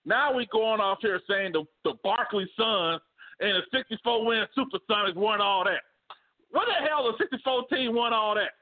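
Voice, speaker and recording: Co-host, male, high pitch, animated sports banter over a phone-quality line. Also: normal speed. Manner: animated, laughing, riffing. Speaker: podcast co-host. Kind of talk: casual sports debate. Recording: phone-like narrow band.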